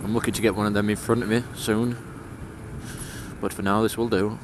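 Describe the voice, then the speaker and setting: Faint traffic and engine sounds accompany a late-teen Yorkshire lad as he motovlogs from his scooter outdoors. He's chatty and relaxed, laughing occasionally, and speaks briskly in a fairly low voice with a level tone and a broad English accent.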